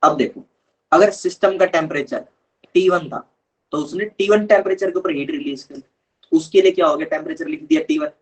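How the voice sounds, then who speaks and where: A man's voice: a little high, expressive, a little fast, a little mellow, breathy edge, rough recording. A man teaching a live online chemistry lesson, patiently explaining step by step and calling his students kids.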